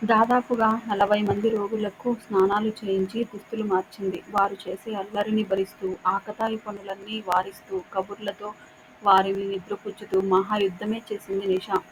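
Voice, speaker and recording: A woman narrating a short story in a steady, measured reading voice. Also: medium pitch, slight background noise.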